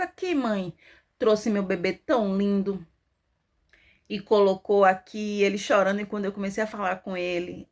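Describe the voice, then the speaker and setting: A woman, telling her own testimony as a mother with emotional, animated storytelling. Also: medium pitch, vocal fry. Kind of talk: personal testimony vlog.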